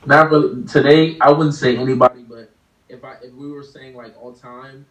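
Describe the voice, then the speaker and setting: A man's voice: medium pitch, steady tone, normal speed, fairly bright tone. A young man, a musician guest, answering interview questions in a laid-back, rambling way full of fillers. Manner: laid-back, rambling, lots of "like" and "you know". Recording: roomy, distant mic.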